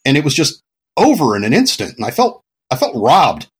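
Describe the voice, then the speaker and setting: A man chats as a podcast guest, swinging his pitch up and down as he acts out old conversations. His voice has a husky edge. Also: fairly quick. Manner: animated storyteller, acts out dialogue. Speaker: guest, longtime security conference organizer.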